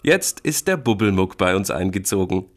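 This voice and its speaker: A man voicing a cheeky, teasing older sister in a children's story, lively and raised. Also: sits low, normal speed, faint music behind.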